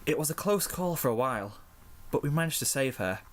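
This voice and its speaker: A calm nurse pony mare giving steady, reassuring news, as a male storyteller voices her. The voice sits only a little above his own lowish register. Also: a little fast, close to an everyday voice.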